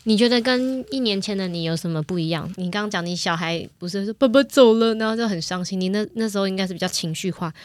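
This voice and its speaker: A quick-talking woman in her thirties hosts a relaxed chat among friends. She tells stories eagerly and throws in little acted quotes. The sound is close and dry, with no room behind her. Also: medium pitch, dry recording. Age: 30s. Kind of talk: casual chat.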